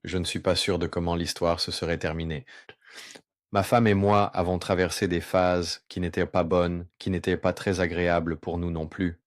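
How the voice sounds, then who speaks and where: A man whose voice is pitched down very deep to disguise it, earnestly and remorsefully telling his personal testimony. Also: no echo, studio quality. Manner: earnest, remorseful, with pauses and slow stretches. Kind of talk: confessional first-person testimony.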